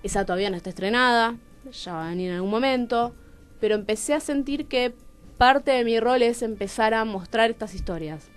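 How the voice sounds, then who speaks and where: In a radio studio, a playwright guesting on a radio interview tells personal stories expressively in a Rioplatense Argentine accent. Her voice is a little high, a little fast, clear and resonant.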